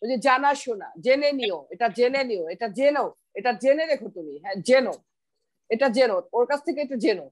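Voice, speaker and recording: A woman's voice: fairly high pitch, expressive, fairly quick, no echo. A middle-aged woman teaching pronunciation on a video call, patiently repeating words for her students. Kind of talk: online class, explaining pronunciation.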